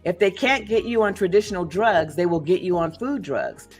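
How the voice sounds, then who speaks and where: Female host, fairly low voice, emphatic storyteller with asides, faint music underneath. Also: lively intonation, moderate pace. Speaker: podcast host and author. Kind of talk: casual discussion.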